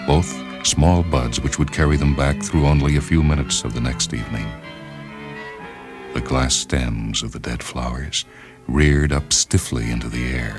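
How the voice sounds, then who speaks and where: A radio narrator with an extremely deep voice reads literary fiction in a measured, solemn manner. Orchestral music plays clearly behind him.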